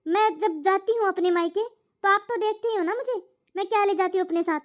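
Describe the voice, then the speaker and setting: A woman's voice: very high voice, brisk, lo-fi sound. A woman voicing a meek young daughter-in-law. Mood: defensive. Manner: hesitant, then defensive.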